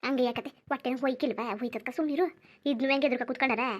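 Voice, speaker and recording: A woman's voice: high voice, steady tone, racing. A woman voicing a fussy, bossy old village mother in a cartoon, scolding and giving orders. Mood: soothing. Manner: scolding, orders people about. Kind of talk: cartoon voice acting.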